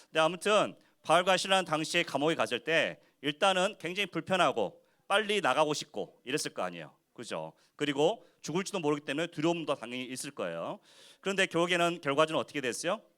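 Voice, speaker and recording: A man giving a children's sermon as pastor in church, animated and constantly asking the kids questions. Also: on the high side, quick pace. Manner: acts out quoted speech in short voices. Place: church worship service for children.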